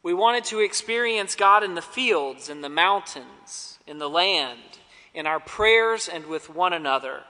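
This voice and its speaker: Man, preacher, sermon, bright voice, long hall reverb. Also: sits high, unhurried. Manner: expressive, calls out names and lines for the congregation. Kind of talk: sermon with storytelling and call-and-response. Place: church sanctuary.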